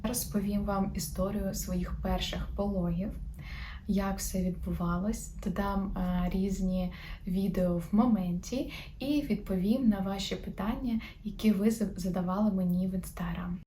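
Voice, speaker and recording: Chatty young mom vlogging, mellow soft voice, faint hiss behind. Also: female voice, medium pitch, steady tone. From Ukraine. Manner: chatty and open, quick soft laughs. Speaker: vlogger, new mother. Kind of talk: casual personal vlog.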